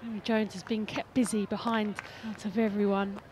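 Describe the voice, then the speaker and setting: A woman's voice: medium pitch, flat delivery, normal speed. A woman commentating on cricket with chatty asides between calls. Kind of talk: live sports commentary. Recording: broadcast mic over loud crowd and noise.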